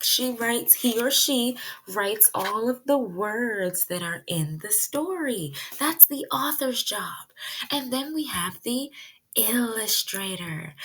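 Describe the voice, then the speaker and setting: In a virtual read-aloud lesson, a preschool teacher talks to young children in simple, careful phrases, asking them questions along the way. She has a somewhat high, slightly bright voice, and the audio quality is poor.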